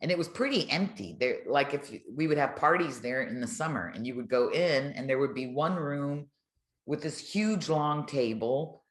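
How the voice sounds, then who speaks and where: An older woman, a retired air traffic controller, is a podcast guest chatting and telling stories colloquially. Her low-pitched voice is expressive and moves at normal speed, with a reverberant sound.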